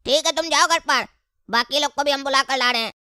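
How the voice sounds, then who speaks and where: A woman's voice: high-pitched, brisk, bright, forceful tone, no echo, studio quality. Woman voicing a teasing prankster boy. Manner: teasing, mocking. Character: mischievous prankster older brother boy. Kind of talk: cartoon comedy dubbing.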